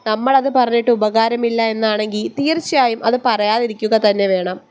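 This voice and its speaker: A woman reading as a steady, protective young husband. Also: on the high side, normal speed, clear, resonant tone, natural voice.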